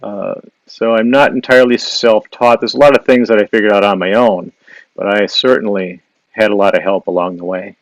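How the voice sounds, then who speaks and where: Here a Wisconsin illustrator runs a casual drawing demo live on social video, sketching, thinking out loud with lots of fillers and restarts, and fielding viewer questions. His voice is on the low side and steady, moving a little fast. Through the device mic there's no echo, though the audio sounds dull.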